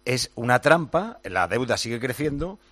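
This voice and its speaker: A man from explaining club finances on a sports radio panel in a steady, explanatory way. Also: medium pitch, moderate pace, no room sound. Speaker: radio commentator.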